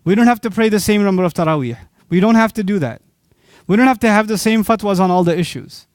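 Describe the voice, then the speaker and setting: Speaking to a live crowd, this high-voiced man from Pakistan, an Islamic preacher, lectures energetically, asking questions of his listeners only to answer them himself. Quick digressions and sudden leaps in pitch mark his emphasis. His voice is captured close and dry, without any echo or sense of space.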